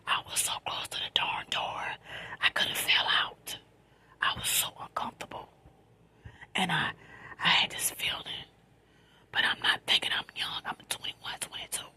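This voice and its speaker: An American woman tells a personal story in a soft, breathy, quiet late-night whisper, speaking informally with slang and repeated phrases. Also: moderate pace, long pauses.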